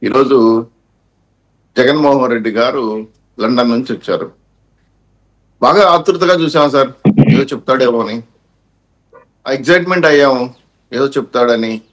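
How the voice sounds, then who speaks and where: A male panelist with a husky, mid-pitched voice and a steady delivery. He argues his point by reeling off long lists of figures. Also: normal speed, long pauses. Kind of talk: political debate argument.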